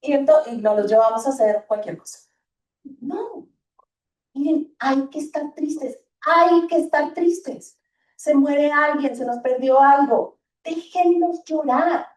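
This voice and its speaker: Animated woman speaking in an echoey hall. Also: high voice, slow pace. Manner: lively, animated, acts out children's and parents' lines. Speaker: school talk speaker for parents. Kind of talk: parenting talk to an audience. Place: hall or gym. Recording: echoey room, voice from far off.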